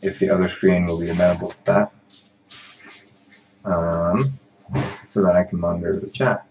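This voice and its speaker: A young man with a fairly low voice leads a live-streamed study session. He talks in a loose, casual way and pokes fun at himself. He sounds like a teaching assistant talking to students. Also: flat delivery, normal speed, darkish tone, muffled recording. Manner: casual, self-deprecating, livens up when addressing viewers.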